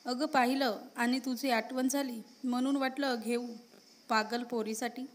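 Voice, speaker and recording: A woman voicing a gruff young male college student who scolds bluntly but cares. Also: on the high side, steady tone, a little slow, lightly acted. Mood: teasing. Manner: scolding, blunt, secretly caring.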